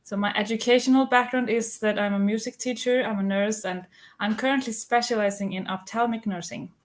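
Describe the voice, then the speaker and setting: A woman in her thirties, originally from Iceland, speaking as a guest in an interview. Her voice sits a little high, and she explains things in a measured, orderly way, numbering her points as she goes. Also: steady tone. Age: 30s. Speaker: homeschooling mother, interview guest. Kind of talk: interview answers.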